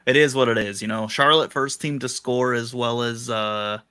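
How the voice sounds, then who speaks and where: A man's voice: mid-range voice, fairly even intonation, normal speed, pushed and bright, clear, resonant tone. A man co-hosting a sports podcast in casual chat, playful and teasing with his co-host.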